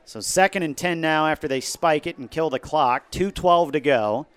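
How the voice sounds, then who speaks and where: A man doing live football play-by-play, calling each play briskly as it happens. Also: on the high side, a bit bright, clear, resonant tone. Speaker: play-by-play announcer.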